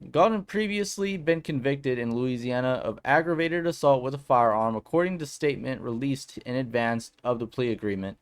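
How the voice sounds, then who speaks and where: A man's voice: mid-range voice, moderate pace, few pauses, smooth. A man hosting a casual commentary vlog who talks in an upbeat, slangy way and then reads a news article aloud. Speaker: political commentary vlogger.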